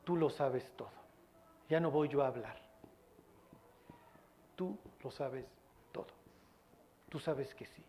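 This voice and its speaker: A man acting out a remorseful male disciple who pleads in a hushed voice within a sermon. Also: mid-range voice, slow, pauses often, a little hiss or hum, voice pushed down, close to an everyday voice. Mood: pleading. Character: weeping remorseful male disciple, broken, humbled.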